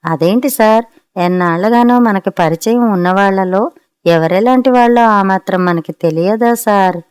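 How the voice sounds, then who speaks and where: A respectful young mechanic lad, as a woman reads him in an audiobook story, polite and easygoing in his replies. His voice is at a middle pitch. It is recorded close and dry. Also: moderate pace, a little mellow, smooth, dry recording, lightly acted.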